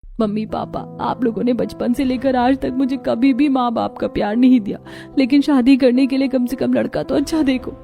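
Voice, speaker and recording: Teen girl in a cartoon, neglected and pleading, voiced by a woman, mellow tone, faint music behind. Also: high voice, fairly even intonation, fairly quick, vocal fry. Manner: pleading, hurt tone. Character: 17-year-old girl, neglected and longing for love. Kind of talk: cartoon voice acting.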